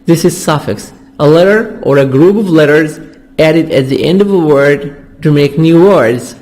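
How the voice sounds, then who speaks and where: Arabic-speaking male English teacher, slow, higher voice, repeats each word for drilling. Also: darkish tone. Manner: repeats words slowly to drill pronunciation. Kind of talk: vocabulary lesson explanation.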